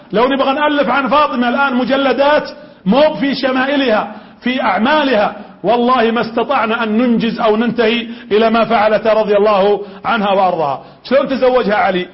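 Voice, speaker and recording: A man preaching in a Gulf Arabic accent, his voice pitched unusually high and his words tumbling out quickly. He tells the story with energy and keeps quizzing his listeners. The recording sounds dull and lo-fi. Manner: lively storytelling that quizzes the audience. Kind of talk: religious lecture.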